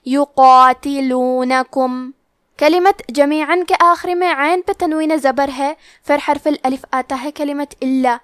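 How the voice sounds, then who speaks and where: High-voiced woman teaching recitation, measured. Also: steady tone, no echo, clean studio sound. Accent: Pakistani Urdu. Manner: measured, explanatory, draws out recited words slowly. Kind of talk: tajweed lesson with slow recitation.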